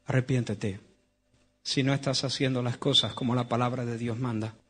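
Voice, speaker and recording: A man from Spain with a Spanish accent, preaching a sermon in a church, swinging between loud emphatic lines and hushed tones. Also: medium pitch, flat delivery, moderate pace, slightly rough.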